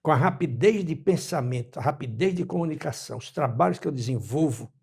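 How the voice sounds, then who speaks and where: A man in his eighties from Brazil, speaking as an interview guest in a measured, reflective way and quoting scripture and proverbs. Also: a little high, animated, creaky, a little mellow, breathy edge. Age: 80s. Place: his home.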